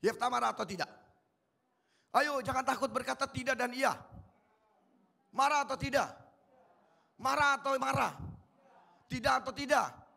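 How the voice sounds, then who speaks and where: A man's voice: extremely high pitch, moderate pace, creaky, pauses often, sharp tone. A male pastor giving an interactive sermon in a colloquial way, quizzing the congregation with repeated questions.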